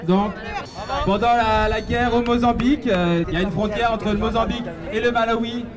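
A man's voice: very high voice, moderate pace, over music. Upbeat man hosting a quiz outdoors. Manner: animated, upbeat, calls out answers. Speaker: quiz host at a rally. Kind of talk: lively public quiz hosting. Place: outdoors at a public gathering. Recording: distant outdoor recording with a crowd.

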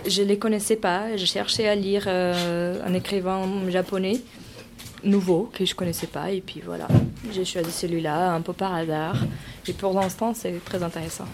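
A woman's voice: lowish voice, a little mellow, slight background noise. A young woman of Brazilian origin answering interview questions casually, with many restarts and fillers. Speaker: interviewee, member of a cultural group.

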